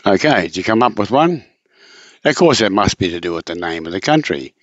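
With a low-pitched, very animated voice and no room sound, this tutor gives a casual spoken lesson on a dull, lo-fi recording. He explains patiently and at length, repeating himself and often returning to earlier points.

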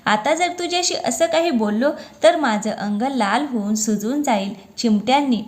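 A woman reading as a cheeky young husband who teases his friend and his wife with mock complaints. The storybook voice stays close to her own fairly high, light tone and keeps a joking, lively manner throughout. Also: moderate pace, lightly acted. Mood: teasing. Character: teasing playful young husband.

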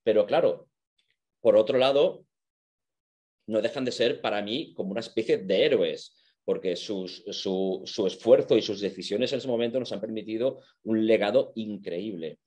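With a Spanish accent, this man speaks in a lowish, mellow voice at a moderate pace. He gives an informal explanatory lecture, sounding enthusiastic and conversational.

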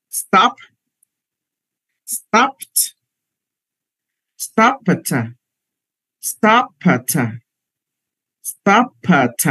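A man's voice: high-pitched, sharp tone, slightly rough, rough recording. A man teaching English pronunciation in a live online class, repeating words patiently and correcting learners over a computer microphone.

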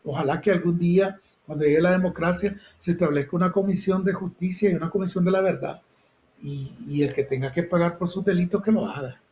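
A middle-aged Nicaraguan man, a photojournalist, telling his experiences vividly in an interview, acting out shouts and sound effects. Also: sits high, brisk, low-quality recording. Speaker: photojournalist guest. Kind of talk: personal storytelling interview.

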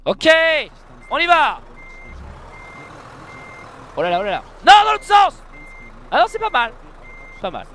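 A man's voice: very high-pitched, huge pitch swings, a little slow, long pauses, a bit bright, slight background noise. A man giving casual commentary over his own gameplay, exclaiming at his mistakes and making joking, self-mocking asides to his viewers. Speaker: video game streamer.

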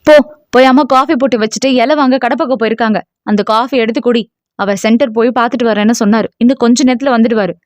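A woman's voice: a little high, fast talker, darkish tone, no room sound, natural voice. A woman voicing a suspicious older sister who talks in an offhand, dismissive way. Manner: careless, offhand.

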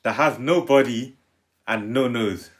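A man's voice: mid-range voice, measured pace, crowd noise. A man on a reaction show, telling puns to friends in casual chat, pushy and laughing at his own jokes.

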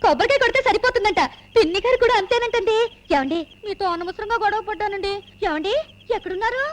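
An actress playing a devout, fussy young wife in a film scene, talking in a pleading, dramatic way. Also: female voice, very high-pitched, fast talker, noisy background. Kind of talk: film dialogue. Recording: music score behind.

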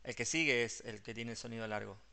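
A man's voice: medium pitch, fast talker, gravelly, sharp tone, clear, resonant tone. A man with a Rioplatense Spanish accent, an English teacher patiently explaining pronunciation step by step and mixing English terms into his Spanish.

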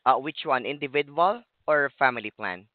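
A man's voice: medium pitch, expressive, moderate pace, dry recording. A man working as a health insurance telemarketer, giving scripted questions on a sales call. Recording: tinny narrow phone line.

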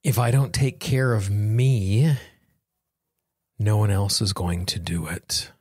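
A man with a lowish, darkish, slightly rough voice speaks slowly in a dry, studio-quality recording. He hosts a self-help podcast, earnestly and encouragingly guiding tapping affirmations alongside podcast talk.

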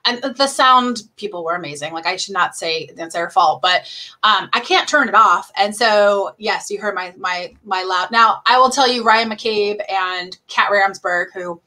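Female interview guest, bright, forward voice; chatty and filler-heavy delivery. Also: mid-range voice. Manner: chatty, fast, says "like" a lot, laughs often. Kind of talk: casual conversation.

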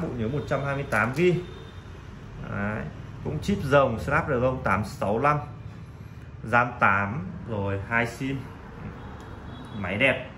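Man, medium pitch, casual shop sales pitch, halting and repetitive, clear background noise. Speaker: phone shop seller. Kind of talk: casual sales pitch presenting used phones. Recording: clearly noisy room recording.

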